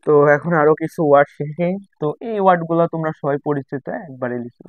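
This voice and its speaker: In a thin, phone-like dry recording, a young man from Bangladesh gives his students an informal lesson, repeating and rephrasing each idea. He talks quickly in a steady tone, and his voice is slightly high.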